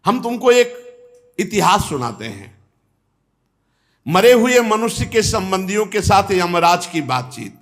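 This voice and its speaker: A man giving a devotional discourse, telling a scripture story with sudden rises and drops in pitch. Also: sing-song, a little slow, pauses often, a bit bright. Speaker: spiritual preacher.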